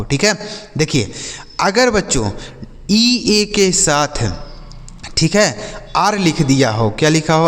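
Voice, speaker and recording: A male English teacher, teaching a class. He asks questions and answers them himself, and says words slowly, sound by sound. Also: a little high, in a large hall. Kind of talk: classroom-style lesson.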